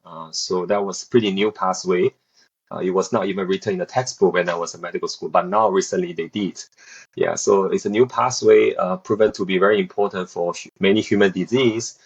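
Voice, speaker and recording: A South Korean man in his thirties, raised in Beijing, answers interview questions as a researcher and assistant professor. His voice sits low with a breathy edge and fairly even intonation, running a little fast on a muffled recording. He hesitates often, using many fillers and restarts.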